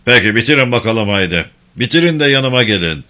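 A man voicing a gray-haired, fatherly army commander who speaks loudly in a storybook reading. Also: animated, brisk. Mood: stern to warm. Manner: booming, fatherly.

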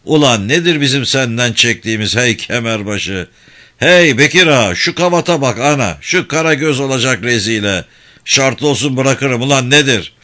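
A man voicing a short, chubby young male student who yells and curses in an audiobook. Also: deep voice, fairly even intonation, slow, hardly any pauses, pitched below the performer's own voice. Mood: yelling. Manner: yelling, cursing.

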